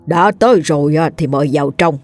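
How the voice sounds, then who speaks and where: A woman voicing an old male sorcerer in a remote hut, speaking calmly and unhurried. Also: low-pitched, faint music behind, natural voice.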